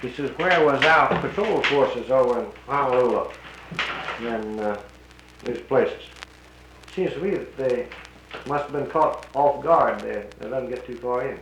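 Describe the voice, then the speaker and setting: A man's voice: medium pitch, measured pace, fairly bright tone. A man from North Carolina, heard on an old 1941 archival recording, talking plainly and firmly about the war in casual conversation. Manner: plainspoken and firm, cites the radio news. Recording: muffled, roomy old recording with faint hiss.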